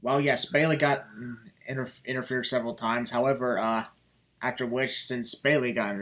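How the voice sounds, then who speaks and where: A man's voice: mid-range voice, fairly even intonation, moderate pace, a bit bright. A young man hosting a casual podcast chat, heated and swearing freely between fillers. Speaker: podcast host.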